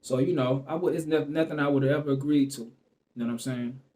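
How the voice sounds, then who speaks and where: Guy just talking to the camera, rambling story, lots of "you know what i'm saying", mid pitch, keeps restarting. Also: fairly even intonation, quick pace, warm tone. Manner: restarts and trails off mid-sentence. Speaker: vlogger telling a personal story.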